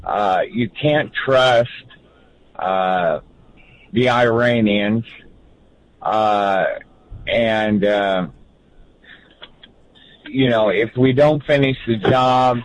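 Slow, halting man calling in. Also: fairly low pitch, dry recording, poor audio. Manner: halting, many uh fillers. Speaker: caller.

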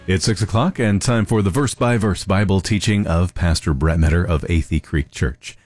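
A man reading station announcements in a loud, dense radio announcer voice. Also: sits low, moderate pace, dry recording, faint music behind.

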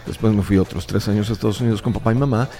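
Racing along in a lowish, steady-toned voice, this man is a stage hypnotist being interviewed on the radio. He is in his fifties, born in Chile and raised in Mexico, and he speaks emphatically in a lecturing way as a studio guest.

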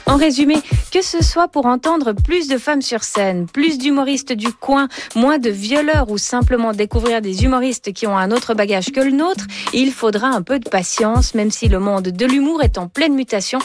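A woman narrates a podcast from a script in a fairly high voice. Music plays clearly beneath her, and her delivery stays clear and deliberate. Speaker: podcast host.

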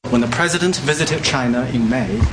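A man's voice: medium pitch, fairly quick. Male interpreter's voice-over translation, noisy clip. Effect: interpreter's voice-over translation of a leader's speech. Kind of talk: formal interpreted statement. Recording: news clip with loud background noise.

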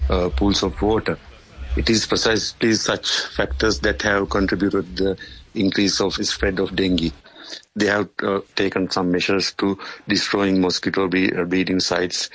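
A male news correspondent giving a measured report, pausing often with fillers. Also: low voice, fairly bright tone, low-quality recording. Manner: measured, hesitant with many fillers.

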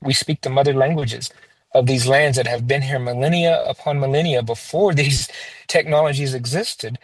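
Man, husky, medium pitch, interview statement, dry recording. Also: steady tone, normal speed, no room sound, low-quality recording.

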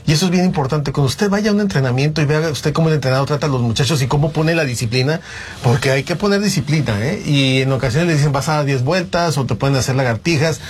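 A man's voice: fairly high pitch, fast, slight background noise. Male host advising listeners. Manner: addresses listeners directly, gives advice. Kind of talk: talk show hosting.

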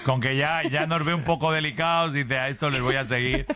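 A man's voice: medium pitch, fairly even intonation, a little fast, pushed and bright. A man hosting a radio show, chatting casually and teasing his guests. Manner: joking, teasing. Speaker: radio host.

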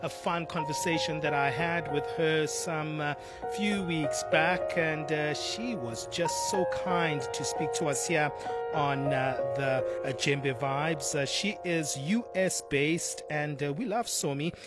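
A male radio host introducing an interview, speaking with many pauses and fillers. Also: a little high, over loud music. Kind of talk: radio presenting.

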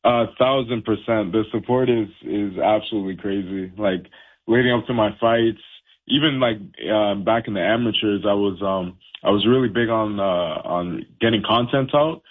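A man's voice: on the low side, moderate pace. A young man, a professional boxer, chatting casually and laid-back with lots of fillers and laughs. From Canada. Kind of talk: casual phone interview. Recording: tinny phone line.

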